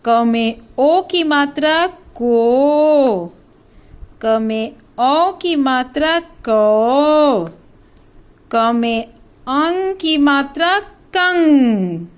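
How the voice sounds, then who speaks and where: An Indian woman teacher with a Bihari Hindi accent leads a primary school lesson on the Hindi alphabet, sounding out each letter slowly. Her voice sits high and is expressive, and she asks the children questions before answering them herself.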